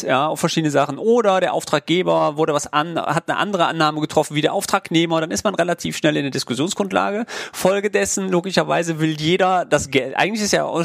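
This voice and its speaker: Male interviewer, gravelly and fairly high-pitched, hesitant and filler-heavy, dry sound. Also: fairly bright tone, no room sound. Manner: hesitant, searching for words with frequent fillers. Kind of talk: conversational interview questions.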